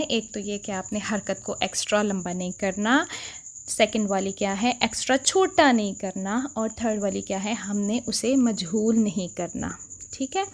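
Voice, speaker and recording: A woman teaching Quran recitation in a patient, step-by-step lesson, asking questions and then answering them, speaking. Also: medium pitch. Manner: asks questions then answers them, demonstrates sounds slowly.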